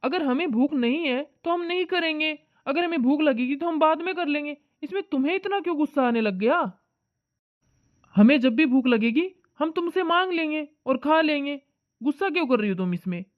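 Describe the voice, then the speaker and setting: A woman voicing an easygoing husband in an animated family story, calming and brushing off his wife's complaints. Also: high-pitched, normal speed, no echo, voice pushed down. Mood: placating. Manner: placating, brushing things off. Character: easygoing husband, calm, dismissive. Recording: tinny phone-like dry voice track.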